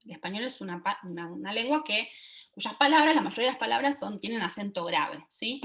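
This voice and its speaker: A woman in her forties teaches over a video call at a mid pitch for a woman. She explains things step by step and keeps checking that her audience is following with quick questions. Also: expressive, fairly bright tone, slight background noise. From Argentina. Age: 40s. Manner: checks in with listeners by asking "¿sí?". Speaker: lecturer. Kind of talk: online teaching talk.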